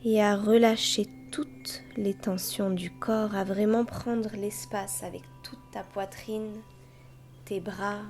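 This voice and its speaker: A soft-spoken woman, a guided meditation teacher and host, slowly leads a soothing yoga nidra meditation. Her medium-pitched voice is soft and breathy, often near a whisper, with fairly even intonation, and she speaks gently and unhurriedly with long pauses between short phrases. Soft music with chimes runs in the background.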